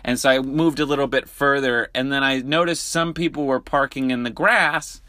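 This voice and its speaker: A young man casually telling a road-trip story, animated and swearing, his voice jumping high when exasperated. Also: moderate pace, no echo. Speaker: vlogger.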